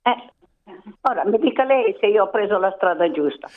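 An older woman from Italy, a radio interview guest telling stories in a lively, rambling way and acting out what people said. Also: mid-range voice, moderate pace, a crowd in the background. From southern Italy. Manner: lively storyteller, acts out quotes, rambling asides. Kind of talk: phone interview, reminiscing. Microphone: telephone. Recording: tinny phone line.

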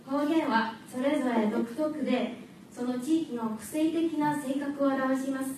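A woman whose first language is not Japanese, giving a prepared contest speech in a clear, measured way to an audience. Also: high-pitched, a little mellow, a little hiss or hum. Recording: echoey hall, distant mic, faint ambience.

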